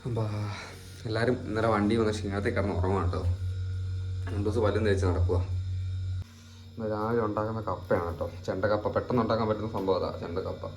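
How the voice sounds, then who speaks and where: Fast-talking man chatting to his vlog viewers. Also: lowish voice, steady tone, a little mellow, a little hiss or hum. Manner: chatty, addresses viewers directly. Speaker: family vlogger. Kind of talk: casual vlog chat to camera.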